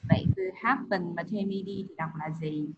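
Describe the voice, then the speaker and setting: A woman's voice: fairly low pitch, brisk, background noise. A woman English teacher, explaining pronunciation over a video call and modeling words for students to repeat. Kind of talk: online class teaching. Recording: roomy, long echo, dull lo-fi video call audio.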